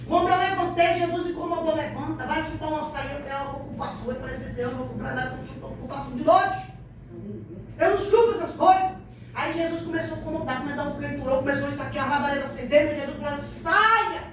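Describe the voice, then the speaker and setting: A woman's voice: high-pitched, fairly even intonation, racing. A woman pastor preaching an emphatic, fervent sermon with testimony in a church. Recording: echoey church hall from far off, noisy.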